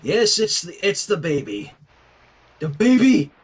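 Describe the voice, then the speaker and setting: Hosting a fan fiction reading, a man with a high, husky, very animated voice narrates the story at an unhurried pace. He's playful and keeps interrupting himself with chatty asides.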